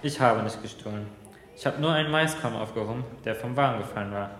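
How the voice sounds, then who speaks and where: A man's voice: mid-range voice, fast talker, fairly bright tone, reverberant, long reverb tail, natural voice. A man playing a bitter, resigned poor prisoner and father in an audio drama.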